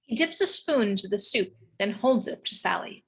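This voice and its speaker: Husky woman narrating a script. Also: medium pitch, lively intonation, moderate pace, a bit bright. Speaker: narrator reading stage directions.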